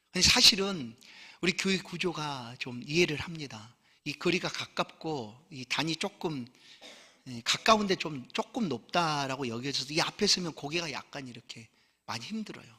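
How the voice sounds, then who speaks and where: A male pastor giving a sermon in a church, conversational and lively, moving between soft asides and raised points. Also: on the high side, husky. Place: church sanctuary.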